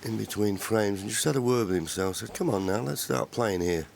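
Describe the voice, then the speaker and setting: A man analyses live snooker in a low, creaky voice. The broadcast is noisy, with the arena crowd clearly audible. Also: fairly quick, a little mellow. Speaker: snooker co-commentator. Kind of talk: live analytical sports commentary.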